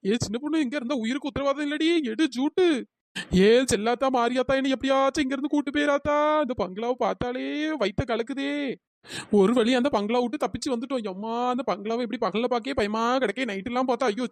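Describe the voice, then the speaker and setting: High quick-talking cheeky village girl , a woman voicing her, teasing, dry close sound. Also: no echo, close to an everyday voice. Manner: teasing, wisecracking, melodramatic wailing when scared. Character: young village girl bangle-anklet seller, cheeky. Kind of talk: cartoon voice acting.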